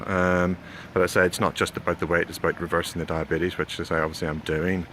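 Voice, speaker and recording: A man, talking casually and haltingly in a rambling vlog, often repeating words. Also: low-pitched, level tone, a bit bright. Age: 40s. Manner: hesitant, halting, with repeated words and frequent "you know". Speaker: video blogger giving a health update. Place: outdoors near a road. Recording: clear background noise, outdoors with passing traffic.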